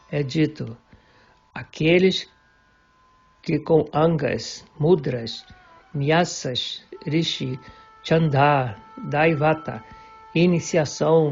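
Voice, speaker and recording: A man reads a devotional text aloud in a slow, measured way. His somewhat raised voice has a husky edge. The recording sounds dull and lo-fi, with faint music underneath. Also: fairly high pitch, a little mellow. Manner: measured, deliberate reading. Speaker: reader of a devotional book. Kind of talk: slow scripted reading of a religious text.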